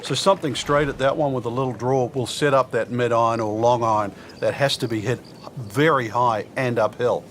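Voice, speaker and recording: A golf analyst gives expert commentary in a considered, conversational way. His natural, mid-range voice is a bit bright, fairly even in intonation and a little fast, with a noisy outdoor crowd and ambience behind him.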